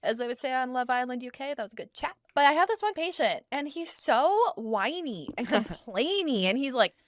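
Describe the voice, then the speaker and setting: A high-pitched woman co-hosting a podcast, her voice swooping widely as she tells stories. She slips into quick impressions of the people she describes. The recording is dry and close. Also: no room sound. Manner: animated storyteller, imitates others. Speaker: podcast co-host. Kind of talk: casual chat. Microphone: studio mic.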